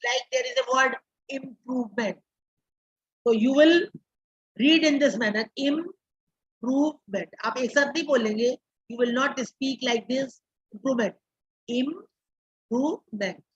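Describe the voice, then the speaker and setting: Indian woman teacher, high voice, slow deliberate delivery, repeats terms for students; dull lo-fi classroom recording. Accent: Indian English. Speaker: teacher educator. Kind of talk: classroom lecture.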